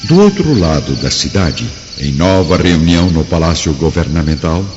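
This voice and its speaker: A Brazilian man narrates a radio drama in a very low, solemn, dramatic, sing-song voice at normal speed. The recording is dull and slightly muffled, made in a large hall, with music clearly playing underneath.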